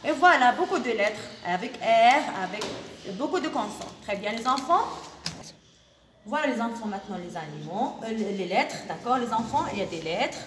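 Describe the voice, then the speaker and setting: A woman teaching kindergarten children, speaking slowly and patiently and repeating her questions. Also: a little high, expressive, slight background noise. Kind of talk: teaching a class of young children. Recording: echoey room recorded from far off.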